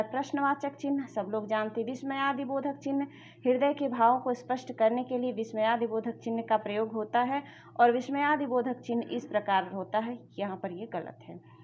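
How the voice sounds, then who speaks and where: A woman with a higher voice teaches a grammar lesson, talking straight to her students and walking them through each point. The recording sounds a little dull. A faint hiss sits underneath. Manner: addresses students directly, explains step by step. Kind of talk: explanatory lesson.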